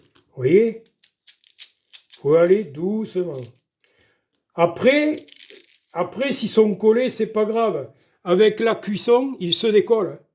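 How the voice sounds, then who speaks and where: Older male home cook, folksy and chatty, high pitch, warm dark tone. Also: animated, slow, pauses often. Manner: chatty, folksy, keeps saying "voilà" and "doucement". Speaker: home cook showing a recipe. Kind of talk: casual cooking demonstration.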